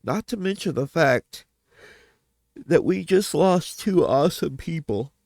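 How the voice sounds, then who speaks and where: A man's voice: fairly high pitch, lively intonation, measured pace, creaky, a little mellow, no echo, clean studio sound. A man talking casually in a personal vlog update, rambling, trailing off and correcting himself as he goes. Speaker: vlogger.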